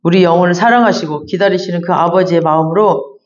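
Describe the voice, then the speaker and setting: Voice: mid-range voice, fast talker, lo-fi sound. A pastor preaching a fervent, repetitive sermon and then leading a closing prayer in a church sanctuary.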